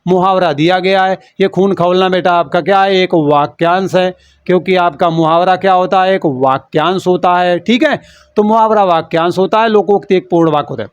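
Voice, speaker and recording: A man's voice: sits high, brisk, smooth, dry recording, lo-fi sound. A man teaching a lesson for an exam, explaining in a playful, teasing way and calling the students "beta".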